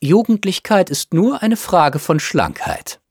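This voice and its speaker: A man's voice: high-pitched, big pitch swings, unhurried, slightly rough, dry recording, studio quality, pitched above the performer's own voice, full character voice. A man putting on a gushing, snobbish society mother. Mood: disdainful. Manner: gushing, fussy, chattering. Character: snobbish, self-absorbed upper-class mother, middle-aged woman.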